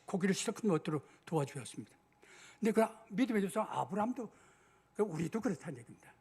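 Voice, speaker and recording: A man's voice: sits high, expressive, fast talker, vocal fry, darkish tone, slightly rough. An older man, a senior pastor, preaching a sermon in church and acting out biblical dialogue in a conversational way. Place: church sanctuary.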